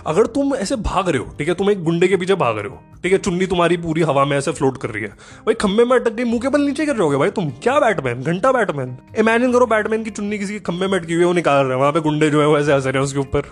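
Man, high-pitched voice, sarcastic comedic rant, animated and profane, faint background music. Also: fast.

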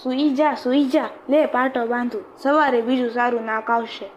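A woman's voice: on the high side, fairly even intonation, moderate pace, highs cut off, slight background noise, natural voice. A woman voicing a foolish, boastful village barber in a storybook tale, sounding smug and sure of himself.

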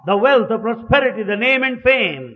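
A man interpreting a sermon line by line, measured and deliberate, on a dull archive recording in a large hall. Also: very high voice, lively intonation. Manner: slow, measured phrasing.

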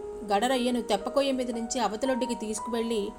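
Brief: woman podcast storyteller, fairly high voice, expressive, soft music underneath. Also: brisk. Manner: expressive, addresses listeners politely.

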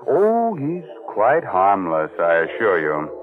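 A very low-voiced, ghoulish horror narrator from 1940s radio, relishing the macabre with mock-sinister theatricality. It is a tinny old broadcast with music behind. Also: male voice, huge pitch swings, slow pace, full character voice. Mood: gleefully macabre. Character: ghoulish, gleefully macabre male horror host. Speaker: host and narrator.

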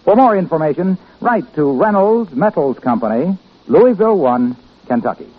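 Man, radio announcer, old broadcast disc, formal sponsor reading, lively pitch, tinny narrow sound. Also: moderate pace, soft background music. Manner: smooth formal announcer delivery. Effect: old radio transcription disc sound.

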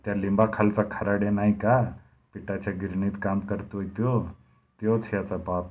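A man voicing a cool, unflappable village boy who answers flatly and defiantly. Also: on the low side, normal speed, phone-quality sound, a little hiss or hum, close to an everyday voice. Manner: flat, coolly defiant.

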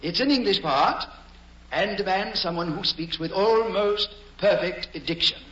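Casting: a theatrical emcee, high bright voice, old roomy radio sound. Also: male voice, lively intonation, a little slow, dull audio, heavily acted. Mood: showy. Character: showy talent-show emcee, middle-aged man. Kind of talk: 1940s radio acting.

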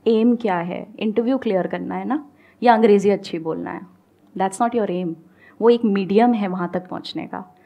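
A woman giving earnest, encouraging advice in a conversational interview. She slips English phrases into her talk and keeps a patient, steady delivery. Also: medium pitch, normal speed, creaky.

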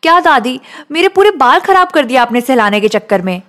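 A woman's voice: high-pitched, very animated, fairly quick, a bit bright. A woman voicing a playful, caring daughter in her twenties, teasing her family with affection. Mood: affectionate. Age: 20s.

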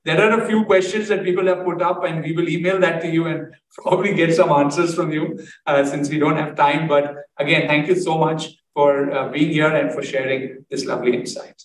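A man's voice: on the high side, steady tone, brisk, hardly any pauses. Male podcast host, roomy and distant. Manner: warm, effusive thanks, flowing sentences. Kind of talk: interview wrap-up.

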